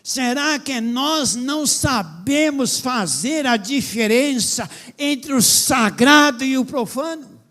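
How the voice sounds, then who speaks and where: Impassioned high-voiced pastor. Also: male voice. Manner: impassioned, rising to loud emphatic questions. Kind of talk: sermon.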